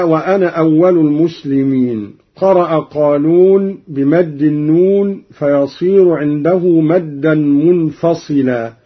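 Male recitation teacher, husky, unhurried explanations with drawn-out recited examples, lo-fi audio. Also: fairly high pitch. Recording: dull lo-fi recording.

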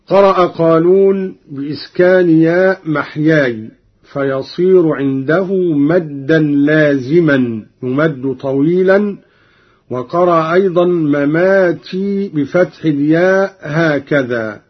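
A man teaching Quran recitation rules, explaining each point and then reciting the examples in a measured, drawn-out way. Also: a little high, breathy edge. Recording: dull lo-fi recording.

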